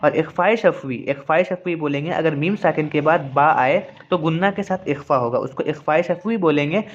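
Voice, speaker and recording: A man's voice: a little high, moderate pace, highs cut off. A man teaching Quran recitation rules, explaining patiently and repeating each point. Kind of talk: explanatory lesson with slow recited examples.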